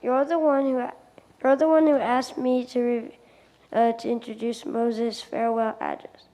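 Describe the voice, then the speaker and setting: A woman's voice: fairly high pitch, little pitch movement, measured pace, mellow. A woman reading scripted narration aloud in an amateur play, stumbling now and then over words. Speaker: reader in a congregational skit.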